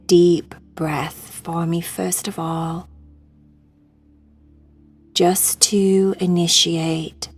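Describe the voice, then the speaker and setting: A meditation guide leads a sleep meditation in a fairly low, hushed, soothing voice. She sounds breathy and often comes close to whispering.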